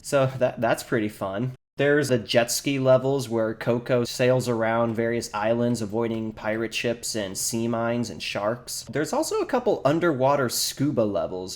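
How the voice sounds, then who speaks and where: A man co-hosting a podcast in casual chat, telling things in a lively way and slipping into quick silly voices. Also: mid-range voice. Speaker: podcast co-host. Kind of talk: casual podcast chat about video games.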